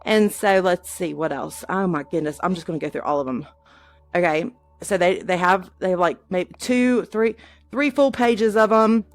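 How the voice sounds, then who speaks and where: A woman streaming a live first-reaction vlog from a VR app, talking to her viewers and gushing with excitement. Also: lowish voice. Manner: excitable, gushing exclamations, calls viewers y'all. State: shaky and overwhelmed with excitement. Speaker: VR vlogger.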